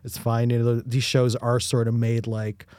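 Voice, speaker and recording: A man's voice: mid-range voice, monotone, moderate pace, a little mellow, no room sound. An upbeat man co-hosts a casual space news show. He sounds enthusiastic and easygoing, and his voice is recorded dry and close with almost no room sound. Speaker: podcast co-host.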